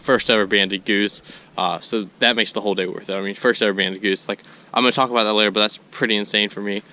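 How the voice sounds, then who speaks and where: A man's voice: fairly low pitch, steady tone, fast talker, bright, forceful tone. A young man, out of breath, telling a rambling vlog story to camera while walking outdoors through woods. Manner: rambling, self-correcting storytelling. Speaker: hunting vlogger. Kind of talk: casual vlog narration to camera.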